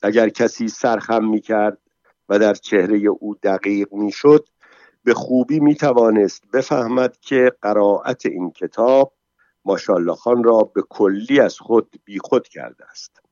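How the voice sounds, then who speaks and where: A man reads a story aloud in a low voice, steady and measured. The recording sounds dull and lo-fi, with dry, close acoustics. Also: no echo. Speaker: narrator. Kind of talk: scripted narration.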